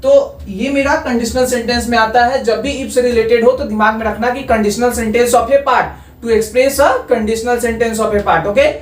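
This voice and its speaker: A man's voice: extremely high pitch, fairly even intonation. Echoey, distant male grammar teacher. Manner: dictates example sentences slowly, checks in with "okay?". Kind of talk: video lesson. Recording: echoey room, far from the mic.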